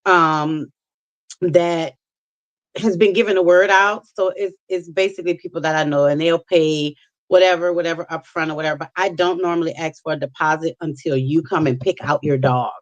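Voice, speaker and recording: A woman's voice: low voice, steady tone, moderate pace, no room sound, highs cut off. A middle-aged woman with a New Orleans accent, chatting casually as a talk show guest. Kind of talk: casual chat.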